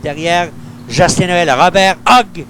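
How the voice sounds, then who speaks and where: A man's voice: sits high, slow, a bit bright. A man with a Quebec French accent giving live golf-style play-by-play of mini-putt as a sports commentator, in a noisy older TV broadcast. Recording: clearly noisy early-1990s TV broadcast.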